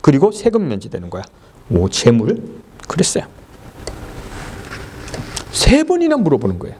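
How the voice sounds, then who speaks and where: A male pastor delivering a sermon in a church service, voice a little high for a man. He talks in a very animated way, with wide swings in pitch. He keeps throwing questions at the congregation. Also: moderate pace, slight background noise. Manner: animated, quizzes the congregation, laughs often.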